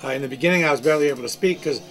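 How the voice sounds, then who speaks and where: A man's voice: a little high, racing, fairly bright tone, faint music behind. A man hosting a live radio show, chatty and reflective, speaking into a studio microphone. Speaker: radio DJ host.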